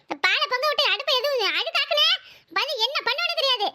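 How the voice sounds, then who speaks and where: A woman voicing a loud, scolding middle-aged aunt in a Tamil village cartoon, shrill and given to wailing. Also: expressive, quick pace, slight background noise, heavily acted. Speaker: cartoon character.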